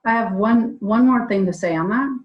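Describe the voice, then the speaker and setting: A woman's voice: medium pitch, moderate pace, highs cut off. A woman co-hosting a casual podcast over a remote call, telling stories with quoted dialogue. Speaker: co-host. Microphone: remote call mic. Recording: audio dropouts on a call.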